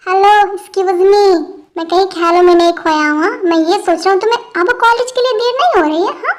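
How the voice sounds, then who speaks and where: A woman's voice: very high-pitched, fast talker, voice pushed up. A woman voicing a dreamy, teasing young male college student.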